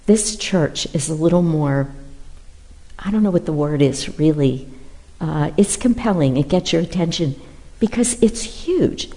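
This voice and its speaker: A woman's voice: on the low side, creaky, mellow. A woman leading a Sunday service in a large church, giving an informal, conversational sermon full of self-deprecating stories.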